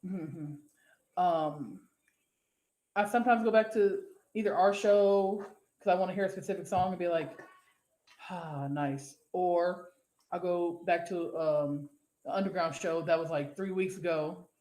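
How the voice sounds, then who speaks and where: The co-host of a casual live-stream show, a woman, reads viewer comments aloud and rambles in between, cursing freely and laughing readily. Her low-leaning, mellow voice moves a little slowly and rings in an echoey room.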